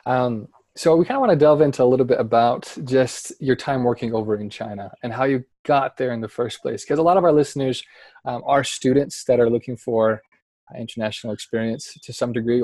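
A man's voice: mid-range voice, warm tone, dry recording. A man interviewing a guest on a podcast, asking long, rambling questions full of fillers.

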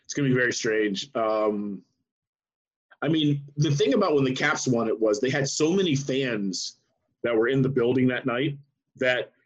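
Man, husky, sports writer, casual chat, animated anecdotes, muffled lo-fi sound. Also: medium pitch, moderate pace. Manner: animated anecdote-teller with lots of restarts.

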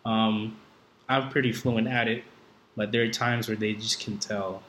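With a fairly low pitch, a steady tone and a slightly bright sound, this man speaks at a measured pace. He's a guest on a podcast, chatting casually with jokes and slang, and the room echoes a bit over faint background noise.

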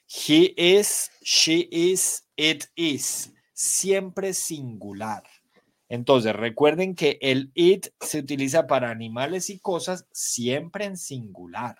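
Slow, patient male English teacher. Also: mid-range voice. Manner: slow, patient explanations mixing Spanish and English. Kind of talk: live online English class.

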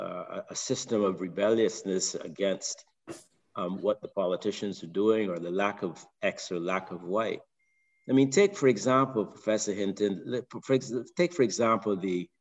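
An older Barbadian man with a low voice calls in, working through his point in fits and starts, circling back and repeating words as he searches for the next phrase. His voice carries a long reverb. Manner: halting, many restarts and repeated words. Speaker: caller. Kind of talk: call-in question.

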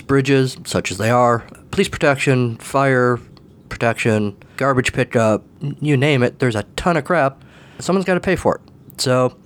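A man with a cold, husky in voice, hosting a solo podcast from his table at home in a rambling, wry way. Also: medium pitch. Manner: rambling, wry, self-deprecating. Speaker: podcast host. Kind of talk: casual solo podcast monologue.

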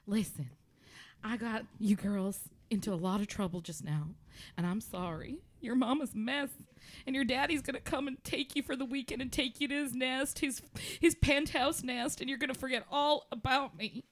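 A woman's voice: high-pitched, steady tone, normal speed. Woman playing a protective bird mom. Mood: apologetic. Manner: defensive, scolding, then sheepish. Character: fiercely protective mother of half-bird babies. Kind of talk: improv comedy sketch.

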